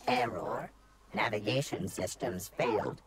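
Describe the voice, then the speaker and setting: A man voicing a calm ship-computer robot. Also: fairly low pitch, unhurried, natural voice. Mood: calm, mechanical. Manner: clipped system announcements. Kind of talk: video game dialogue. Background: game music.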